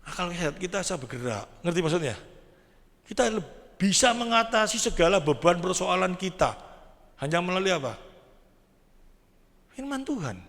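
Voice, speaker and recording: Male pastor, gravelly, bright-toned, long hall echo, keeps quizzing the flock. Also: high voice, very animated, normal speed, pauses often. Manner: asks the congregation rhetorical questions. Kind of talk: sermon. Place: church sanctuary.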